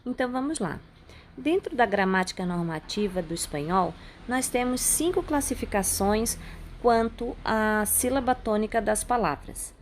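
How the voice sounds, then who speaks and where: A woman teacher with a Brazilian Portuguese accent, patiently explaining a grammar lesson step by step and slowing down on key words. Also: fairly high pitch, animated, slight background noise. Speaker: Spanish teacher. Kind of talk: recorded online class.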